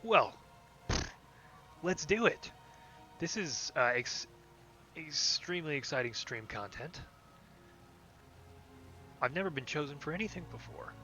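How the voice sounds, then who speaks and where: A man's voice: on the high side, lively intonation, a little slow, pauses often, pushed and bright, muffled recording. A man streaming a video game, chatting casually, joking and swearing, and reading quest text aloud. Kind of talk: casual gameplay commentary. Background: game music.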